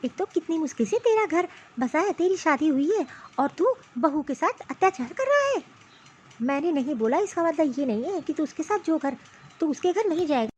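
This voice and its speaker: A woman voicing a middle-aged mother-in-law in an animated cartoon, scolding her son in an exasperated way. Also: high voice, moderate pace. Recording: slightly muffled lo-fi recording.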